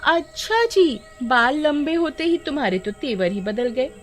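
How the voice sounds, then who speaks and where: A woman's voice: high voice, expressive, a little slow, faint music behind, voice pushed up. A woman voicing a nosy, jealous village girl in a cartoon, prying and bossy.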